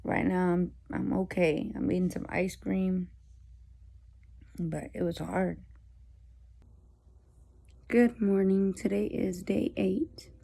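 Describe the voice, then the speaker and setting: Woman, gravelly fry, monotone delivery, sore post-surgery throat, labored and halting, weary, casual diary talk. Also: mid-range voice. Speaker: patient vlogging surgery recovery.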